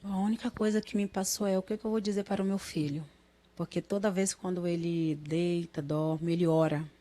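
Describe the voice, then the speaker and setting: A woman, a mother in her thirties, giving a halting, emotional interview and often quoting others in dialogue. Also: on the low side, fairly even intonation, dark tone. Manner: halting, repeats words, quotes others in dialogue.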